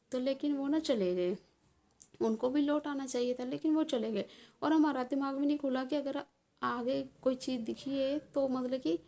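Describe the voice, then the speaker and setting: A woman's voice: high-pitched, gravelly, a little mellow. A young woman vlogger telling a personal family story in a rambling, casual way, full of fillers and restarts.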